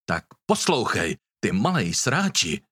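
A man's voice: fairly low pitch, sing-song, fairly bright tone, husky, no echo, clean studio sound, full character voice. A man reading the part of a commanding young man standing up for his friend. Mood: menacing. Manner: stern, commanding. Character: young man, protective and threatening.

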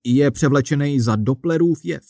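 A man's voice: fairly high pitch, mellow, no echo, clean studio sound. A man reading the part of a gray-haired old man, pleased with his own guess. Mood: triumphant. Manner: pleased with himself.

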